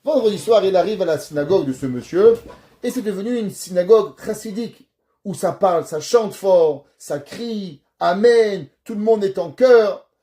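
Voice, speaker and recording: Rabbi guy teaching, high pitched but mellow, tells stories and acts out the characters. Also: moderate pace. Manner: animated storyteller who acts out dialogue. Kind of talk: Torah lesson with storytelling.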